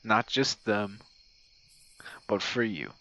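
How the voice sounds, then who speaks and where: A content creator records a casual, ASMR-style voice message for a friend, rambling and hesitating informally while crickets and night insects sound in the background. His voice is on the low side with lively intonation and a slow pace, pushed and bright. The audio is poor.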